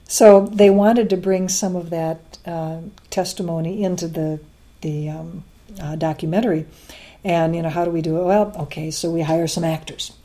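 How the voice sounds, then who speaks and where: Warm in tone and fairly low-pitched, a middle-aged woman speaks at an ordinary speed with fairly even intonation. She's a science education advocate being interviewed, casual and talkative, laughing a lot and often restarting or using fillers.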